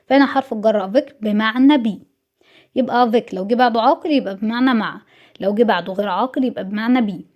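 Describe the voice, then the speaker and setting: An Egyptian woman with an Egyptian Arabic accent teaches French vocabulary in a review lesson, saying each word twice in a patient, repetitive way. Her voice is a little high and warm in tone.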